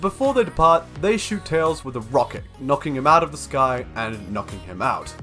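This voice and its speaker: Music accompanies a young man as he narrates a scripted video essay at normal speed. His voice is medium-pitched and varies in a lively way.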